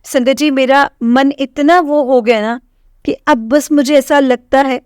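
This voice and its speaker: A woman's voice: sits high, fairly even intonation, a little slow, dry recording, studio quality. A woman from Punjab with a Punjabi accent, earnestly and emotionally sharing her devotional testimony with the congregation, repeating her phrases. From Punjab, India.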